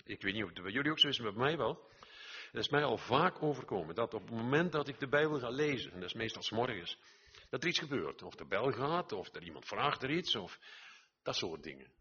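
A man's voice: mid-range voice, sing-song, a little fast, pushed and bright, breathy edge, highs cut off. An older man preaching an earnest sermon, exhorting his listeners, repeating phrases and swelling to emphatic peaks.

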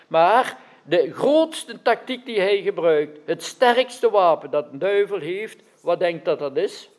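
A man's voice: high-pitched, lively intonation, slow, darkish tone. A man preaching a sermon, often asking his listeners questions and checking that they follow. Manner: questions the audience, adds frequent "right?" checks. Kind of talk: interactive sermon.

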